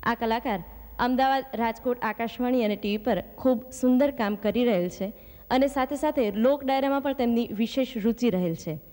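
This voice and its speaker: A woman's voice: on the high side, normal speed, mellow, some chatter behind. Formal woman announcer in a noisy hall. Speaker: stage announcer. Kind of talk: formal introduction.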